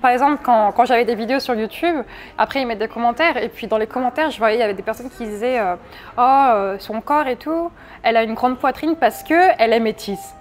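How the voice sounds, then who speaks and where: A French woman in her twenties, speaking fast in a fairly high voice, is a guest in a casual interview. She talks candidly and often restarts her sentences.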